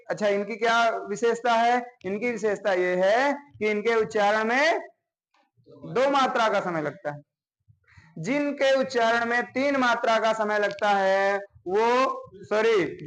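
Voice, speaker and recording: High-voiced man teaching a class. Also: fairly bright tone, low-quality recording. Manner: explains step by step, often checking with "है ना?". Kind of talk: classroom grammar lesson.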